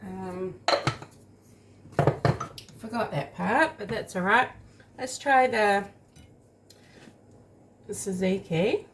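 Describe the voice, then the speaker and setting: Slow, chatty woman vlogger. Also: mid-range voice, noisy background. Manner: chatty, rambling, eats while talking. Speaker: home baking vlogger. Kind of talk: casual taste-test vlog.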